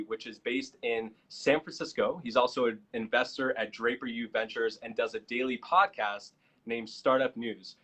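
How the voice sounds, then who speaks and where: A man's voice: medium pitch, fairly bright tone. An American man hosting a live online show, making upbeat promotional plugs with frequent fillers. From United States. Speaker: host.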